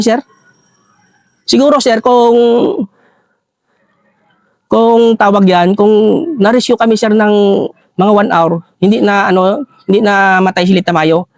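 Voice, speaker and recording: Filipino guy, ex army ranger telling his war story, high voice, halting, says sir every few words, dry close sound. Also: darkish tone, no room sound. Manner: halting, addresses listener as sir constantly. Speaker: retired army ranger scout. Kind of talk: recounting a war story in an interview.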